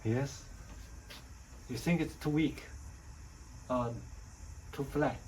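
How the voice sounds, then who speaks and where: A man, chatting in simple, halting English while he paints. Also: mid-range voice, darkish tone, slight background noise, poor audio. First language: Chinese. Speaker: watercolor painter practicing English. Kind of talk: casual chat while painting.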